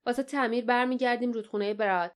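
A woman's voice: fairly high pitch, clean tone, lightly acted. A woman playing a snarling, greedy riverboat captain. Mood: angry. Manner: snarling, scornful.

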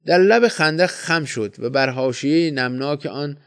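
A man reading a literary story aloud in a measured, steady manner. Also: on the high side, clear, resonant tone. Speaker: audiobook narrator. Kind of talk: scripted story narration.

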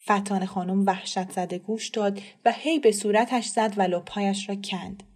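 A woman narrating an audiobook in a steady, measured way. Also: medium pitch. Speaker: storyteller.

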